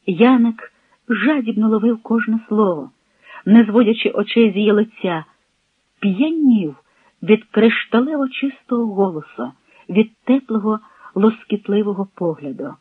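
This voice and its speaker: A man's voice: sits high, expressive, unhurried, husky, dry recording. A man reading a novel aloud expressively and giving each character a voice. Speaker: narrator. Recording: tinny lo-fi radio broadcast.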